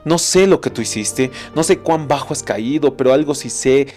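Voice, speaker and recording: A man preaching a recorded sermon, telling a story dramatically, slowing down for emphasis and speaking earnestly to the listener. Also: mid-range voice. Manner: addresses the listener directly and earnestly. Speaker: pastor. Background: soft instrumental music.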